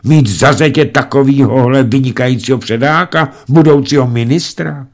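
A man's voice: medium pitch, pitched above the performer's own voice, lightly acted. A man voicing a very old, unflappable female servant who talks in a folksy, composed way in a storybook reading. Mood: calm, chatty. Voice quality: folksy colloquial speech, unhurried and composed. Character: ancient calm female servant, centuries old. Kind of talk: audiobook reading.

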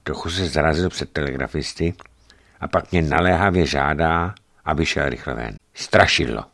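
Casting: man with a very low voice, measured dramatic storyteller reading a travel memoir aloud. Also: gravelly, fairly bright tone. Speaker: narrator.

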